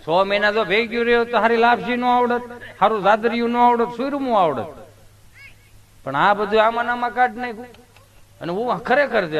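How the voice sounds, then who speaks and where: Male stage comedian with a high voice, folksy storyteller. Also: fairly bright tone. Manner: folksy storytelling, acts out the people in his anecdotes. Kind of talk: live comic storytelling.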